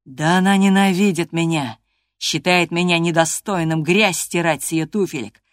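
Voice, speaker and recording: A woman voicing a sullen, rough young man. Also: lowish voice, normal speed, dry recording, clean studio sound, close to an everyday voice. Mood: resentful.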